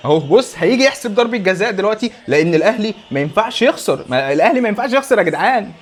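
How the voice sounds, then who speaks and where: Fast, high-voiced Egyptian man reacting. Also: animated. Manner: rapid, exasperated running reaction with repeated urgings. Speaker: football fan reacting to a match. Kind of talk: live match reaction.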